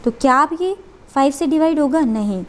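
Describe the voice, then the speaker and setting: A woman's voice: high-pitched, lively intonation, moderate pace. A woman teaching a maths lesson, working step by step and asking and answering her own questions.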